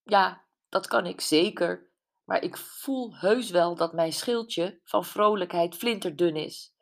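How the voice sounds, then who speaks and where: A woman's voice: fairly low pitch, slow, creaky. A woman voicing Brenda, a candid, self-mocking friend, in an audiobook. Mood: wry. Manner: wry, emotional, tearful at times. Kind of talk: audiobook character voice.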